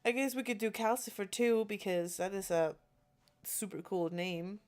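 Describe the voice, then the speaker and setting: A woman's voice: mid-range voice, fairly even intonation, moderate pace, a little mellow. A young adult woman with English as her second language, chatting casually and giggling as she streams a game alone in her room. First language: not English. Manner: giggly, chatty, reads chat messages aloud. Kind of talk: casual live-stream chat.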